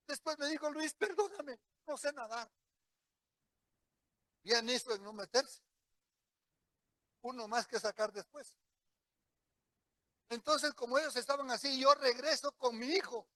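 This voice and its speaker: Middle-aged preacher guy, really high voice, tells his story like he's living it, super dry sound. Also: bright, forceful tone, no room sound. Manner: vivid storytelling, acts out what people said. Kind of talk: sermon with personal testimony.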